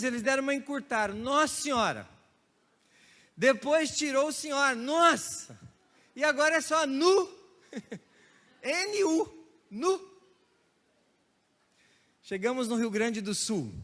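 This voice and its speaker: A man's voice: high-pitched, a bit bright. A male pastor giving a sermon, telling stories with playful imitations of regional expressions and laughing along the way. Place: church hall. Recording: church hall reverb.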